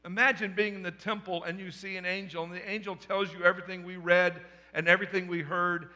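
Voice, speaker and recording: A man's voice: sits high, little pitch movement, fairly quick, sharp tone, in a large hall. A male pastor giving a sermon, telling the story with humor and acting out the scenes.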